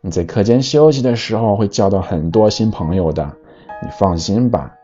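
A man's voice: on the low side, normal speed, mellow, husky, highs cut off, soft background music. A man doing a kindly grown lioness. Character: kindly grown female lioness who roars.

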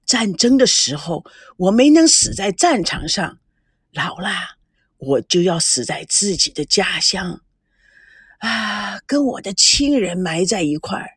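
A woman voicing an old male war veteran who longs to be buried in his homeland, pleading slowly. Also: medium pitch, big pitch swings, a bit bright, husky, no room sound, clean studio sound, exaggerated voice. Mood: wistful. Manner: slow, pleading, drawn-out sentence endings.

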